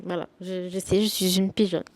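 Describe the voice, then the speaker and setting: A woman's voice: on the low side, flat delivery, moderate pace, darkish tone. A young woman chatting casually about her favourite books, rambling and slangy with lots of fillers. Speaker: book vlogger. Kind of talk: casual book review chat.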